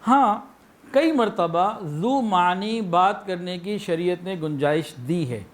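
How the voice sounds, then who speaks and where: Man, Pakistani Urdu accent, high voice, preaching, sermon with acted-out examples. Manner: illustrates with anecdotes and acted-out phrases.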